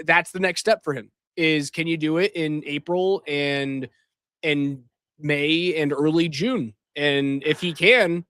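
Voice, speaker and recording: A man hosting live post-game hockey commentary, speaking emphatically and deliberately, often repeating phrases for weight. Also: a little high, fairly bright tone. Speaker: sports show host. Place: hockey arena after a game. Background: arena racket.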